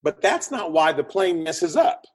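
His voice sits fairly high, swings widely in pitch, and moves a little slowly with a breathy edge. As a guest in an interview, this film producer and script consultant explains ideas conversationally like a storyteller, acting out quotes.

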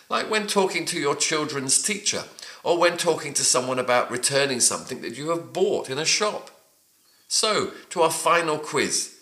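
Lively, bright-voiced male podcast teacher. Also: mid-range voice. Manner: lively quiz-style delivery. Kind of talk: scripted educational podcast. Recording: roomy echoey studio sound.

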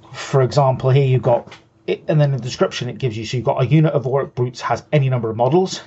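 A man's voice: mid-range voice, fast talker, warm tone, muffled recording, a little hiss or hum. A man co-hosting a hobby show, patiently explaining game rules in casual chat and often restarting his sentences. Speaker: co-host.

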